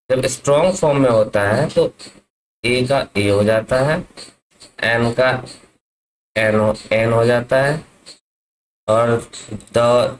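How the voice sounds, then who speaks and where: A man's voice: medium pitch, slight background noise, low-quality recording. A man teaching an English grammar lesson, asking his class questions and answering them himself. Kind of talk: classroom lesson explaining at a board.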